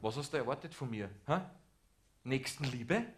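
A man's voice: mid-range voice, expressive, normal speed. Sarcastic Austrian man ranting on stage. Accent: Austrian German. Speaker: cabaret performer. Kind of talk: satirical stage monologue. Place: theater stage.

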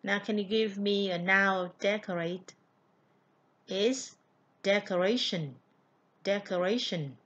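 An English teacher whose native language is Vietnamese, speaking with a Vietnamese accent, gives an online vocabulary lesson and carefully repeats each word as a model. Her medium-pitched, fairly bright voice moves slowly with long pauses. The sound is lo-fi.

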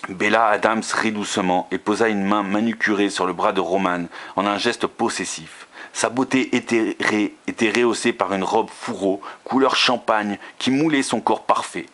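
A man reading a romance novel aloud, steady, with occasional slips and restarts. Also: lowish voice, normal speed, hardly any pauses.

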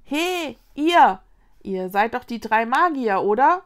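A helpful fir tree woman who garbles her own message and gets flustered, as a woman reading a storybook puts her on. The voice is slow and gravelly. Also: a little high. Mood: eager. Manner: eager and a little flustered.

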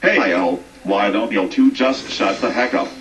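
A male computer voice playing a troublemaking schoolboy, flat and synthetic, heard far off with echo and faint music as if taped from a TV. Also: on the low side, unhurried, a little hiss or hum. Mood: defiant. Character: troublemaking rude schoolboy, defiant and goofy.

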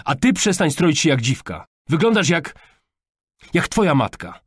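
A man's voice: on the low side, moderate pace, breathy edge, dry recording, clean studio sound. A man doing a furious scolding father. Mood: angry. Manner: scolding, raised voice. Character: strict overprotective father, furious temper.

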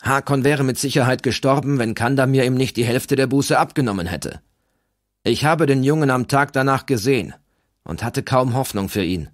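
A man reading aloud, voicing a calm, fair-minded Norse man who speaks measured. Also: medium pitch, no room sound, clean studio sound, voice pushed up, natural voice.

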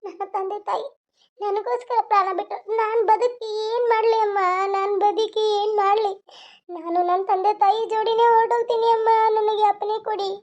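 A woman's voice: extremely high pitch, fairly even intonation, normal speed, a little mellow. A woman voicing a tearful young cartoon heroine. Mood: despairing. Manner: tearful, pleading. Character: grieving young woman, heartbroken and pleading. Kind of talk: cartoon voice acting. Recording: dull lo-fi recording.

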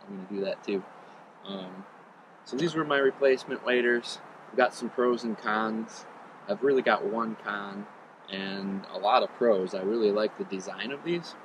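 A man in his thirties chats through a gear review outdoors, relaxed and rambling with plenty of ums. His voice sits a little low. The camera stands a few meters away, with clear outdoor noise behind him. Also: normal speed, lo-fi sound. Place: outdoors on a riverbank. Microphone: camera on tripod a few meters away.

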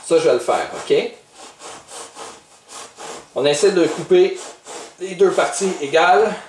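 Recorded far from the mic amid background noise, a slightly high-voiced Québécois man leads a kids' cooking lesson in an echoey room. He has a Québécois French accent and teases the children playfully while patiently showing them what to do.

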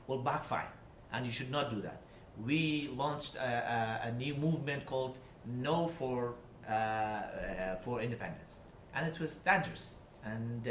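The man, a guest speaker from Iraqi Kurdistan whose first language is Kurdish, speaks at medium pitch with a fairly bright tone. His public talk is earnest and explanatory, full of restarts. He's recorded by a table mic from a seated distance in an echoey university seminar room with faint noise.

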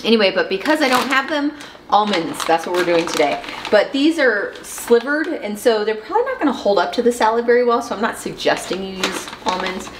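A woman in her thirties with a mid-range voice and lively intonation talks a little fast while demonstrating recipes in a small RV kitchen. Upbeat and giggly, she hosts a casual cooking vlog; the roomy recording has background music and a little hiss or hum.

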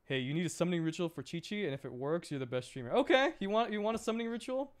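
Rapid-fire and expressive, this young man's high voice carries a rambling, playful chat during his game livestream. He laughs a lot as he talks casually.

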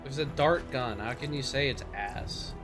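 A man's voice: medium pitch, unhurried, over music. A man chatting casually with a friend while gaming, full of joking, swearing banter. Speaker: gamer friend.

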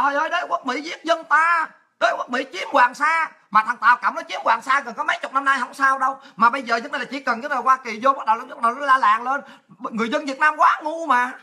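Fast, brassy Southern Vietnamese woman ranting. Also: high voice. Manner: aggressive, crude, taunting, often shouting. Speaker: livestream host. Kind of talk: political rant.

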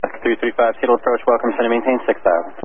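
A man's voice: medium pitch, fairly even intonation, very fast. A male air traffic controller rattles off clipped instructions at great speed. He comes over a pilot radio channel, tinny and faintly staticky. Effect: aviation radio.

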